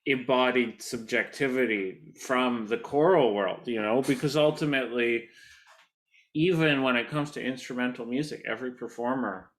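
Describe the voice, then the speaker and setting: A man's voice: mid-range voice, normal speed, fairly bright tone. A man interviewing a guest, asking questions hesitantly, with many "uh"s and "um"s. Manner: hesitant, filled with "uh" and "um".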